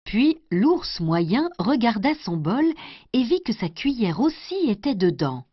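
A woman storyteller doing an expressive scripted storybook narration. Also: medium pitch, unhurried, husky, no echo. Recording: dry, dull lo-fi recording.

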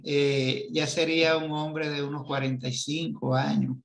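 A man in his fifties leads a film discussion over a webcam. His voice is gravelly and a little high for a man, and he talks very slowly, pausing often to find the next word. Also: level tone. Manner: slow, hesitant, searching for words. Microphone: video call webcam.

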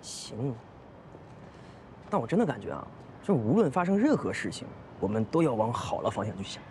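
A man's voice: mid-range voice, sing-song, moderate pace, darkish tone, a little hiss or hum. An actor playing a young husband who coaxes and pleads with his wife. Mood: coaxing. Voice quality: pleading and repetitive when apologizing. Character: eager, sheepish young husband. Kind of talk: short drama acting. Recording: music bed under the dialogue.

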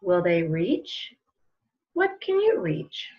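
A middle-aged librarian hosts a children's story time from a room at home, reading aloud and giving craft instructions in simple terms. Her voice is fairly low, slow, and very animated, captured on lo-fi home webcam audio.

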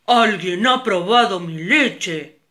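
Storybook papa bear, loud and gruff, put on by a woman narrator. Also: expressive, takes it slowly. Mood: angry. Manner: loud booming shout. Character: big papa bear shouting loudly.

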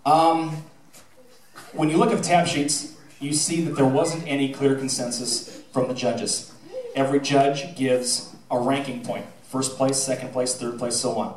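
A middle-aged man who runs a high school theatre program speaks unhurriedly at a medium pitch, telling lively stories and thanking people in an informal speech. He uses a handheld microphone through the PA, and the clip is a roomy, distant recording made from the audience.

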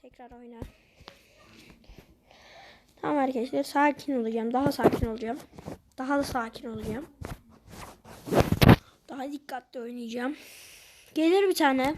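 A woman with a high voice narrates her match as she plays it, chatting to her viewers. She is easily frustrated and excitable throughout. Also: normal speed, long pauses, background noise. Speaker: gaming channel host. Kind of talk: gameplay commentary.

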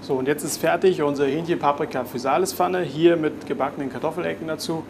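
A young chef calmly walks through a dish step by step on a lapel mic, his fairly high, creaky voice relaxed and plain with frequent filler pauses. The cooking demo moves through a garden, a greenhouse and a restaurant kitchen, with a sizzling pan and kitchen noise behind him.

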